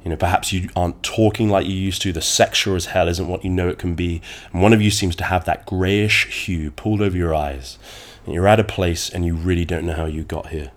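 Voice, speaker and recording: A man's voice: deep voice, steady tone, a little fast. A man with a nasal, congested voice from a cold, hosting a solo podcast in a conversational, wordy and slightly dramatic way. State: getting over a cold. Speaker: podcast host.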